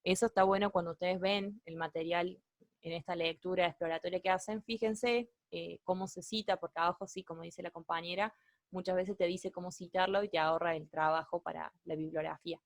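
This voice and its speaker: A young woman with an Argentine Spanish accent walks students through academic writing, pausing and restarting her sentences. Her voice sits low, and the recording is dry and close. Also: steady tone, dry recording. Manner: hesitant, self-correcting, explanatory. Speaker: student tutor leading a writing workshop. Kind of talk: online workshop explanation.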